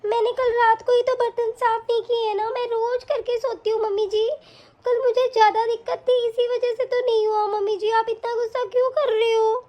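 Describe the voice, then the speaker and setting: A woman's voice: very high voice, normal speed. A woman voicing a young, put-upon daughter-in-law in a cartoon, pleading and hurt. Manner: pleading, soft-spoken. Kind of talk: cartoon voice acting.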